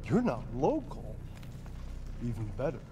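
A theatrical, taunting villain from a video game. He is cocky and sardonic, swinging widely in pitch over clearly noisy game sound. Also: huge pitch swings, measured pace. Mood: menacing amusement. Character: cocky, mocking, theatrical male villain showman. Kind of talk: video game cutscene acting.

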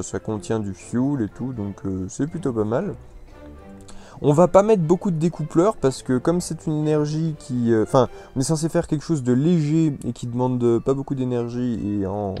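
A man giving casual, rambling commentary on a video game, full of hesitations and restarts. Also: mid-range voice. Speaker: gameplay commentator. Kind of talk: casual let's-play commentary. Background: soft background music.

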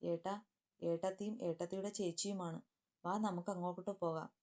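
A woman's voice: fairly low pitch, flat delivery, fairly quick, a little mellow, natural voice. A woman voicing an indignant, eager younger brother who asks pointed questions.

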